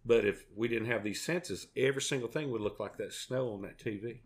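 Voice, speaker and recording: A man's voice: mid-range voice, a little fast. A middle-aged man with a Southern US accent, chatting in a rambling, down-home way as a podcast co-host. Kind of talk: folksy casual chat.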